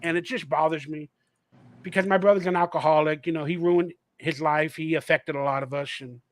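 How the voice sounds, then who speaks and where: A man's voice: a little high, fairly even intonation, brisk, no room sound. A man hosting a casual fan livestream, talking animatedly and acting out quotes as he tells stories, swearing freely. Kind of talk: casual chat.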